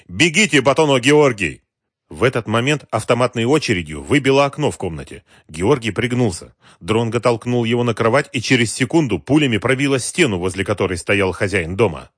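A man narrating a thriller audiobook in an expressive, dramatic way. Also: medium pitch, fairly quick, hardly any pauses, no room sound, studio quality.

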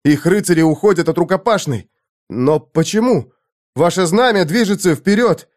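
A man voicing a frantic young squire in a dramatized audiobook, calling out the battle in high, excited shouts. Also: moderate pace.

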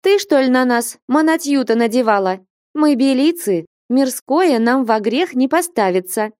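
A woman's voice: sits high, lively intonation, unhurried, darkish tone, no echo, studio quality, voice pushed up. A woman voicing a bold, teasing young woman novice in a storybook reading. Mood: defiant.

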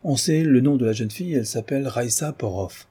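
A man reading an audiobook, voicing a grave older general who recounts events in a measured, solemn way. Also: medium pitch, dark tone, slightly rough, pitched above the performer's own voice.

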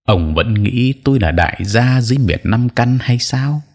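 A man voicing a calm, stern middle-aged male exorcist who speaks in a measured, coolly mocking way in an audio story. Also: medium pitch, voice pushed up.

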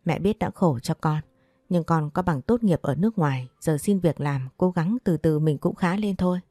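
A woman with a low, mellow voice reads at a moderate pace, voicing a weary, remorseful older mother in an audio story. Her delivery is sorrowful and pleading. The recording is clean studio sound with no room sound.

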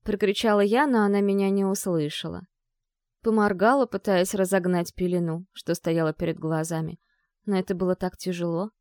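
A woman's voice: fairly low pitch, fairly even intonation, normal speed, darkish tone, no room sound, clean studio sound. A woman narrating a first-person story in an emotional, vivid storytelling manner.

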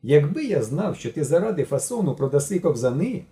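A man voicing a calm, sensible teenage boy who answers evasively in an audiobook. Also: a little high, a little fast, pitched above the performer's own voice. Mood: reproachful. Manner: reproachful, evasive.

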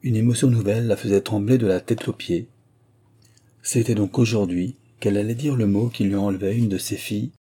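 Man reading a novel out loud, low dark husky voice, steady pace. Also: brisk. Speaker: audiobook reader. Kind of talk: scripted narration.

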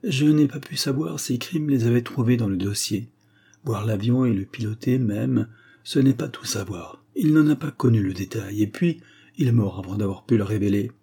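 A man's voice: medium pitch, moderate pace, mellow, slightly rough. A man reading a spy novel aloud and voicing a brusque, exasperated male police inspector. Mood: measured.

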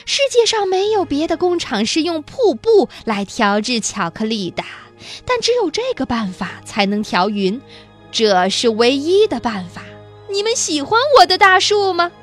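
A woman's voice: high-pitched, big pitch swings, moderate pace, faint music behind, voice pushed up. A woman voicing a flamboyant eccentric male candy maker, showy, exclaiming and coaxing, in a children's storybook reading.

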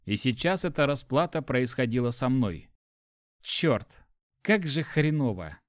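A man reading a first-person audiobook in an even, matter-of-fact way on a close studio mic. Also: mid-range voice, unhurried, no room sound. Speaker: audiobook narrator.

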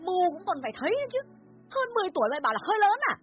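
A woman plays a domineering older mother who scolds in rapid bursts. Her voice sits high and leaps around. The audiobook sound is dull, with faint music under it. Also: sing-song. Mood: furious scolding. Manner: scolding, shrill, rapid-fire. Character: angry older mother, sharp-tongued and domineering. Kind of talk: dramatized audiobook reading.

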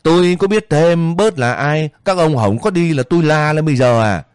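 A man voicing a sharp-tongued young village woman who scolds quickly and insistently. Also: fairly high pitch, animated, clean tone, no room sound, clean studio sound, voice pushed up, close to an everyday voice. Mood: scolding.

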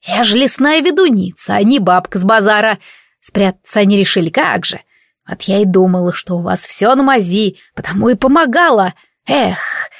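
A grumbling old witch woman, put on by a woman narrator in a storybook reading. She scolds in homely, old-fashioned country speech, pitched a little higher than plain talk. The sound is dry and close. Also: animated, moderate pace, vocal fry, no echo. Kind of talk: audiobook character voice.

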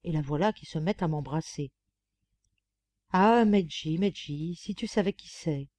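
Storybook lapdog voiced by a female reader: gossipy, pampered, confiding; mellow tone, close dry mic. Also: deep voice, a little slow, no room sound. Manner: chatty, confiding, mocking. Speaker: audiobook reader. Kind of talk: audiobook narration.

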